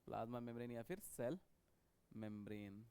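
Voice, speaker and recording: A man's voice: medium pitch, moderate pace, dark tone, clear, resonant tone. A man teaching a biology lecture in a classroom style. He repeats key points and keeps checking that students follow him. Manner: repetitive, checks understanding with frequent "okay".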